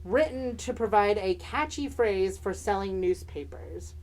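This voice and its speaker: A woman's voice: mid-range voice, expressive, measured pace, a little mellow. Sassy, campy woman podcast co-host. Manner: sassy, campy slang with playful swearing. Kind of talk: casual comedic storytelling mixing read narration and chat.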